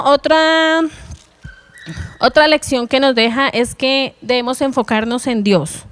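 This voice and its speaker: A woman's voice: high voice, a bit bright, smooth, dry recording. A woman preaching a sermon, earnest and exhorting, repeating phrases for emphasis.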